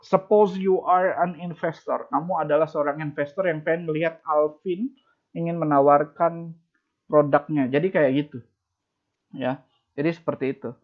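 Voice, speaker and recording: A lecturer giving a student feedback over a video call, his voice a little higher than most men's. The audio is dull and lo-fi. He drops English phrases into his sentences and pauses often on fillers. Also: steady tone. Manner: mixes English phrases into speech, many fillers. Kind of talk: online class feedback.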